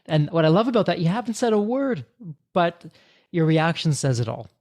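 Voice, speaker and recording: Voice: medium pitch, big pitch swings, normal speed, darkish tone. A podcast host interviewing a guest, often affirming with short backchannels. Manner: affirming, frequent "mm-hmm" backchannels. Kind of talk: interview conversation.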